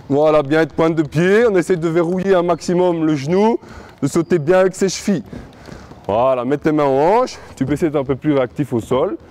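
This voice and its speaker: A man's voice: on the high side, darkish tone, slight background noise. A man coaching a live workout, calling out instructions, encouragement and countdowns of reps and seconds. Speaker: youth fitness coach.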